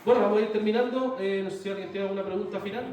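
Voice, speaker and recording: A man's voice: high-pitched, fairly even intonation, rapid-fire, a little mellow, slight background noise. A man teaching a church Sunday school class, explaining with everyday examples and checking in with his listeners. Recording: echoey room, mic at a distance.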